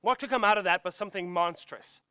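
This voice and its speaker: An actor playing an earnest young actor, lovesick and insistent. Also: male voice, high voice, fast, pushed and bright, clean tone, no echo.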